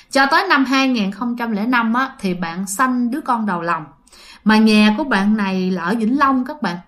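A woman with a fairly high, fairly bright voice tells a ghost story in a chatty, casual way. She speaks directly to her listeners and uses many fillers.

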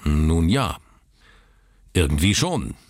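A man voicing a sharp, grumbling family doctor in a read story. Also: low voice, sing-song, takes it slowly, no echo, clean studio sound, exaggerated voice. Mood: irritated. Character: gruff, irritable family doctor, older man.

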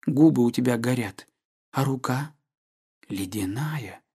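A man's voice: mid-range voice, measured pace, darkish tone. A man reading an audiobook, voicing an anxious, tender young woman with a raised voice. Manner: pleading, tender, alarmed. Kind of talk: audiobook character voice.

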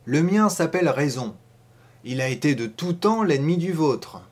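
Brief: a man doing a brash, domineering, mocking man in an audiobook, loud and emphatic, pitched up a bit. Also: expressive, moderate pace. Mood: scoffing, loud. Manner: loud, scoffing, emphatic declaiming. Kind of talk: audiobook reading.

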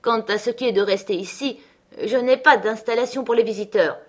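A woman's voice: fairly high pitch, a little fast, voice pushed up, natural voice. Woman voicing a harsh scornful farm master. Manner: forceful, scornful.

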